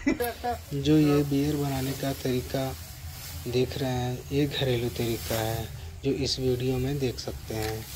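A man's voice: medium pitch, measured pace, background noise. A man giving a plain, explanatory voice-over for a video, asking viewers to comment and subscribe. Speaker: video narrator. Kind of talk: voice-over narration.

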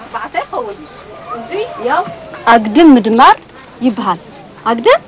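A woman's voice: on the high side, sing-song, rapid-fire, a crowd in the background. A woman teacher drilling children in sums, repeating answers, in an open classroom hut.

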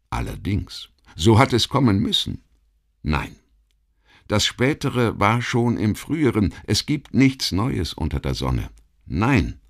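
Speaking in a low voice, a man narrates a scripted history documentary as an audiobook. His reading is measured, formal, and essayistic.

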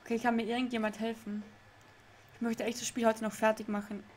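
A chatty young woman with a slightly high voice plays a game live from her room and talks with her viewers. She laughs a lot and keeps losing her way. A faint hiss sits under her voice. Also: level tone, a little fast, darkish tone. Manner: chatty, laughs often, easily confused. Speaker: streamer. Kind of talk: live let's play with chat reading. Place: home room.

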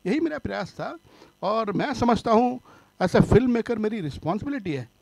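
A man's voice: high voice, normal speed, vocal fry, dry recording. A filmmaker speaking earnestly at a press conference, explaining and defending his work. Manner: pleading for calm, then earnest explaining.

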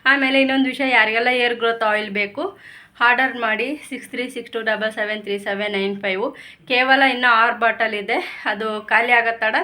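A woman's voice: on the high side, sharp tone. A young woman, a mother, vlogging casually at home and coaxing her small children.

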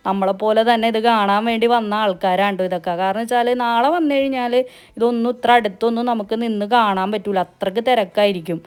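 Fast-talking Kerala woman vlogger mixing in English. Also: mid-range voice, fairly even intonation, smooth. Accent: Kerala Malayalam. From Kerala, India. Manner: chatty, mixes English words into Malayalam. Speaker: travel vlogger. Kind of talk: casual vlog narration.

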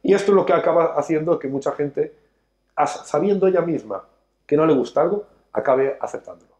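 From his seat on a studio sofa, a show host and financial educator lectures emphatically in a talk show discussion, gesturing a lot. His fairly high voice has lively intonation, a slightly mellow quality, and a somewhat fast pace.

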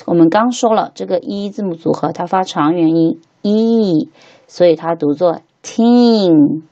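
A woman teaching English to beginners, patiently repeating each word slowly three times as she walks through a textbook lesson. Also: fairly low pitch, darkish tone, highs cut off.

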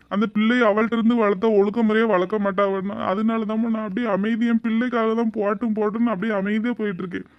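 Brief: man voicing a wronged young husband in a cartoon, high-pitched and rapid, complaining. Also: no echo, dull audio, natural voice. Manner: complaining, aggrieved, rhetorical questions. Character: exasperated young husband, wronged and self-pitying.

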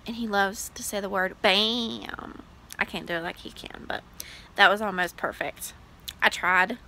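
A woman's voice: mid-range voice, unhurried, pushed and bright, low-quality recording. A woman in her late twenties chatting casually to her vlog viewers, gushing and full of "like" fillers. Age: 20s. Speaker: vlogger. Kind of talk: casual vlog chat to camera.

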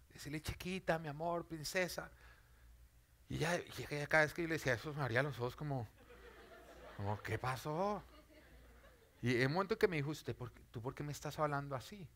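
Male pastor, slightly high voice, earnest sermon storytelling that builds to loud peaks. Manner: earnest storytelling, swells loud on key lines.

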